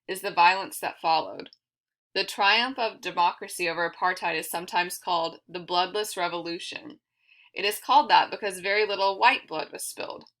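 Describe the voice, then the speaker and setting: A woman reading a memoir aloud for a library, in a steady, measured storytelling manner. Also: medium pitch. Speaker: library reader.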